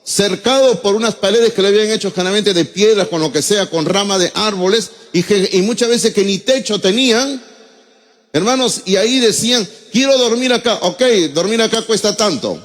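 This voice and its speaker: A man's voice: high voice, normal speed. A middle-aged man with a Peruvian Spanish accent preaching a sermon as pastor, emotional and addressing listeners as brother. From Peru. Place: church hall. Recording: long church reverb.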